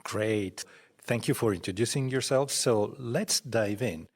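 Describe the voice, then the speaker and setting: Guy hosting a studio chat, lowish husky voice, laid back. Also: measured pace. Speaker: host, library director. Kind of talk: podcast interview.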